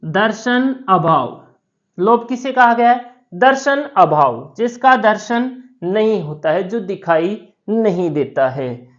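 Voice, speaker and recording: A woman lectures on grammar at a slow, deliberate pace. She repeats key terms and poses questions to her students before answering them. The audio is somewhat dull and lo-fi. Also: mid-range voice, animated. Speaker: Sanskrit grammar teacher. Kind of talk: classroom lecture.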